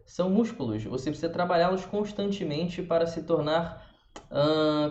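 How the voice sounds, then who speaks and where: A man's voice: a little high, darkish tone, dull audio. Brazilian man teaching pronunciation, roomy sound. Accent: Brazilian Portuguese. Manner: demonstrative, repeating sounds slowly for the viewer. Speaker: language teacher. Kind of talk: pronunciation lesson.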